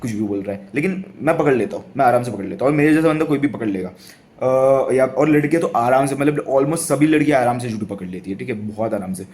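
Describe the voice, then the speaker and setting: A man's voice: medium pitch, a little fast, a little mellow, slight background noise. A young man giving casual dating advice to camera, rambling and laughing often, with lots of restarts and fillers.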